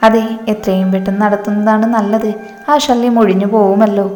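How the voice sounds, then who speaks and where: A cold, scheming middle-aged mother with greed in her words, as a woman storyteller reads her. The line is even and unvaried, with a roomy echo. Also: mid-range voice, fairly quick, soft background music, close to an everyday voice.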